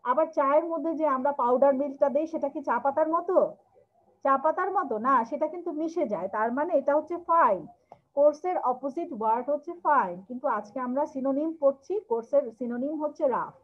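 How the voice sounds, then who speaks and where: A woman teaching English vocabulary to children, explaining words and drilling them with slow, drawn-out repetitions. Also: high-pitched. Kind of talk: classroom lesson explaining vocabulary. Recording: tinny lo-fi phone-like recording.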